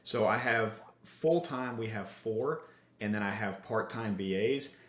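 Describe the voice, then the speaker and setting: A low-voiced man, a podcast guest who owns a digital marketing agency, chats casually in an interview. He's an energetic, motivational storyteller who throws in fast asides, and the recording has a roomy echo.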